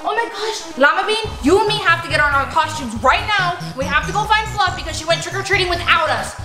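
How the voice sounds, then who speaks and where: A woman vlogger acting out a playful pretend-play story with her toy llamas, animated and full of gasps and exclamations. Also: very high-pitched, fast. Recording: echoey room with music behind.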